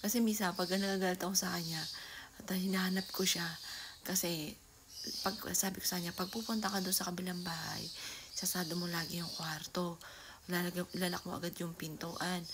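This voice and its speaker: Soft-voiced woman telling a vlog story. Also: on the low side. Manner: soft-spoken, often half-whispered, bursting into loud calls. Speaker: vlogger. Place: home. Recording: noisy home ambience.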